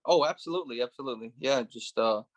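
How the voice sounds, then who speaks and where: A Russian-born man in his thirties, once a police officer and now a real estate investor, recounts his life as a guest in a relaxed interview. His voice sits at medium pitch and moves fast, peppered with "you know" and "right".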